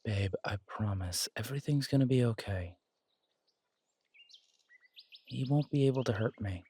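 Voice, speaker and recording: This intimate roleplay audio drama features a man as a confident alpha werewolf boyfriend who is protective, teasing, and casually reassuring. The husky, soothing delivery has a mid-range pitch, a dark tone, and a slightly slow pace.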